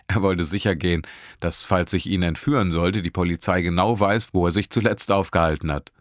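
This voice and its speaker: A man's voice: low voice, steady tone, a little fast, no room sound, clean studio sound, lightly acted. Teasing, chatty young woman driver, as a man reads her. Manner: talkative, teasing, laughing often. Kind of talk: audiobook character voice.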